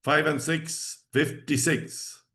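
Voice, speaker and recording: An Irish man calling bingo as host, reading out each number digit by digit and then in full, in a measured way. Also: fairly high pitch, fairly even intonation, gravelly, sharp tone.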